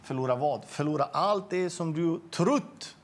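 A man's voice: a little high, expressive. A middle-aged man telling a personal faith testimony in an earnest, emotional way, often repeating words and restarting his sentences. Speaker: guest sharing a faith testimony.

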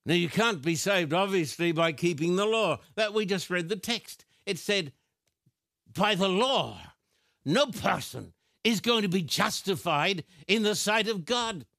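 A man preaching a televised sermon from a studio, reading scripture slowly and deliberately and speaking directly to his viewers. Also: high-pitched, creaky, sharp tone, no echo. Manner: slow, deliberate, emphatic, addresses viewers directly.

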